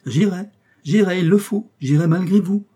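A man voicing an excitable Italian male host who pleads agitatedly and turns furious, in a storybook reading. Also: medium pitch, brisk, slightly rough. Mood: frantic.

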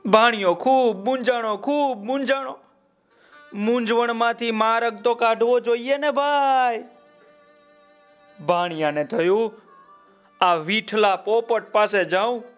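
Slow, smooth-voiced male storyteller. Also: very high voice, faint music behind. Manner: lively, addresses the listener directly. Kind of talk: children's folk tale narration.

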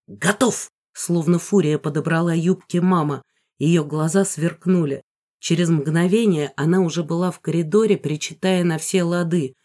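An audiobook reader narrating a first-person story in an even storytelling manner. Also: medium pitch, moderate pace. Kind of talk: scripted narration.

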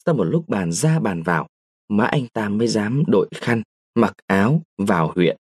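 A man's voice: on the low side, animated, moderate pace, slightly rough, no echo. Dry, close male storyteller. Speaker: audiobook narrator. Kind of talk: scripted story narration.

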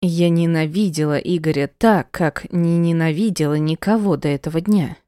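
A woman narrating a first-person audiobook in a measured, emotional storytelling manner. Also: deep voice, mellow, smooth, no echo, studio quality.

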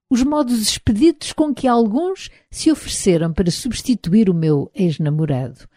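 A woman's voice: low voice, dry recording, studio quality. Woman reading a novel in European Portuguese. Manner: measured, even literary reading. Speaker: audiobook narrator. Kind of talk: scripted audiobook narration.

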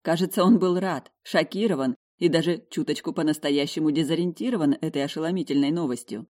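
A woman narrating an audiobook in the first person, in a lively, emotional way. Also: low-pitched, fairly quick. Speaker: audiobook reader.

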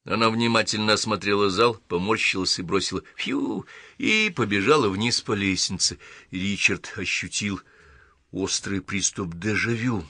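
A man narrating an audiobook in an even, measured reading. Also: on the low side, dry recording.

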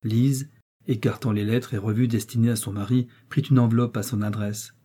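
A man narrating a classic novel as an audiobook, in a measured, even reading. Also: medium pitch, slightly rough.

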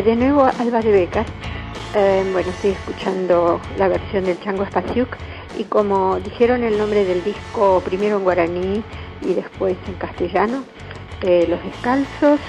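A woman's voice: mid-range voice, moderate pace, over music, rough recording. A middle-aged woman calling in to a radio show, speaking politely and hesitantly with many fillers. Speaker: radio caller.

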